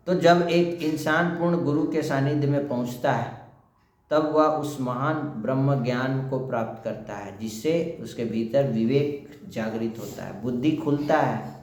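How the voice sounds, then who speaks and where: A man's voice: medium pitch, darkish tone. Echoey male spiritual teacher. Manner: asks questions and answers them himself. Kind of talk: explaining a daily spiritual lesson. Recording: very echoey room, faint noise.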